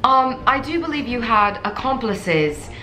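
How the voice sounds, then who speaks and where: Pompous ambassador with a fake British accent, bright tone, echoey room, played by a woman. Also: a little high, big pitch swings, heavily acted. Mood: mock-official. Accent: put-on British. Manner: halting, mock-official. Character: pompous female government ambassador.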